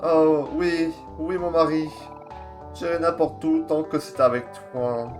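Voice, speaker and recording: A man's voice: on the high side, fairly even intonation, takes it slowly, soft background music. A man voicing a vain, haughty woman queen who scorns commoners, in a theatrical game voice. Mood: sweet.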